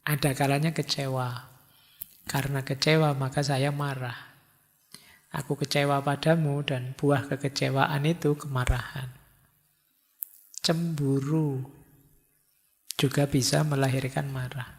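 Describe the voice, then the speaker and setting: A man's voice: medium pitch, little pitch movement, measured pace, pauses often. A man giving a conversational religious philosophy lecture in a mosque hall. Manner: conversational, acts out quoted students. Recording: long hall reverb.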